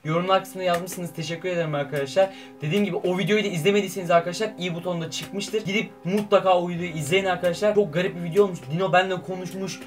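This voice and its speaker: Excitable young man gaming vlogger. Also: high voice, very fast, hardly any pauses, soft background music. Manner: excitable, swings between loud outbursts and muttering. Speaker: YouTuber.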